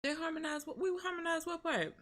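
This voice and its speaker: A woman telling a story on a live stream, animated and profane, often breaking into laughter. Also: very high voice, fast. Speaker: streamer co-host.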